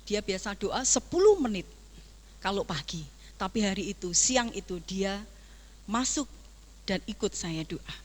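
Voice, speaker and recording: A woman pastor preaching a sermon. Her phrases trail off soft, and then she builds to loud, emphatic exhortations. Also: medium pitch, lively intonation, measured pace, pauses often. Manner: addresses listeners as "saudara" often, dropping soft at phrase ends. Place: church.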